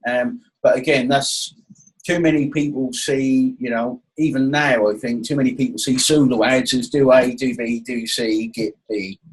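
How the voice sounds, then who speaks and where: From Norfolk, England, a man with an East Anglian accent hosts and coaches an informal online webinar in a matey way. His mid-range voice has fairly even intonation and normal speed, and the call audio is rough.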